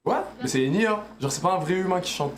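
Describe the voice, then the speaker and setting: A man's voice: sits high, expressive, quick pace. A man with a Parisian French accent chatting casually and flirtatiously in teasing slang, as a streamer talking with strangers.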